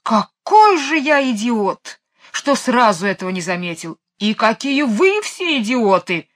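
A woman's voice: lowish voice, expressive, normal speed. A woman reading a storybook aloud, voicing an irritable bossy king who barks orders. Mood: shouting. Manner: irritable, barking, shouting. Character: irritable bossy fairy-tale king, male, middle-aged.

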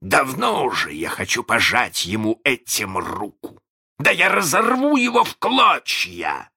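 A man's voice: fairly low pitch, lively intonation, unhurried, sharp tone, husky, full character voice. A man voicing a menacing, proud and hot-tempered male pirate captain in a storybook reading, speaking passionately with barking outbursts.

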